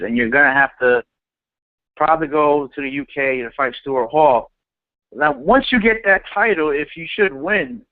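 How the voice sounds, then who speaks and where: A man's voice: on the high side, no room sound. A man co-hosting a casual sports interview, putting questions over a narrow phone connection. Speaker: co-host interviewer. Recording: dry, narrow phone line.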